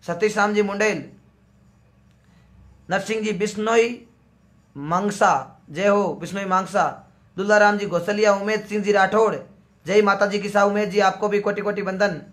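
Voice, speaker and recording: A man's voice: high voice, steady tone, normal speed, long pauses, a bit bright. A man with a sore, strained throat, hosting a live stream and greeting viewers by name one after another. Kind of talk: live stream chat, reading out viewer comments.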